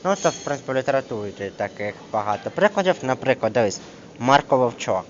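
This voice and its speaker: A man tutoring one student through a grammar lesson in a casual, hesitant way, with many fillers, reading example words slowly. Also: mid-range voice, big pitch swings. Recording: dull lo-fi screen recording with clear background noise.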